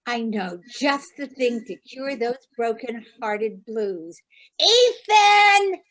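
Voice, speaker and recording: A woman plays a sly older hostess with a bossy, coaxing manner, talking slowly and deliberately in a raised voice. She wheedles her customers in a stage play. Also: on the high side, rough recording. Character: scheming older woman innkeeper, pushy mother.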